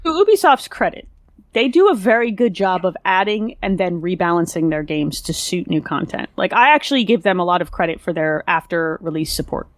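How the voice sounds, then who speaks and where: A woman co-hosting a casual podcast chat, upbeat and quick to agree as she thinks aloud. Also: lowish voice, lively intonation, no echo. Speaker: podcast co-host.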